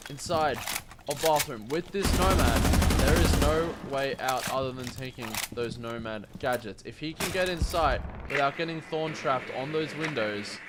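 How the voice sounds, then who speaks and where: A man doing esports play-by-play commentary on a shooter match, in a caster's manner that moves between tense build-up and excited calls. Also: medium pitch, normal speed, heavy background noise.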